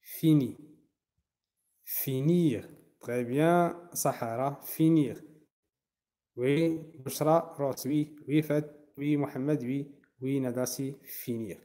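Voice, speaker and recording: A man teaching French to his class, slow and patient, spelling verb endings out letter by letter. His voice is dark and mellow, and he takes his time over every word. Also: medium pitch. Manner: switches between French and Arabic to explain. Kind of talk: online language class.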